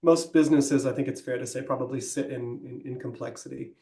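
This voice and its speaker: A man co-hosting a business podcast talks through ideas in a considered, explanatory way. He pauses on "um" and restarts his sentences. His mid-range voice carries a noticeable room echo. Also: medium pitch, steady tone, vocal fry, warm tone. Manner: thoughtful, explanatory, with frequent ums and restarts. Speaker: podcast co-host. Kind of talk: conversational business podcast discussion.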